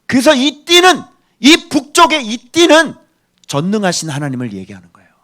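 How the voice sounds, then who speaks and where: A middle-aged male pastor preaching a sermon, emphatic, swinging between loud outbursts and hushed asides. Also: very high-pitched, huge pitch swings, moderate pace.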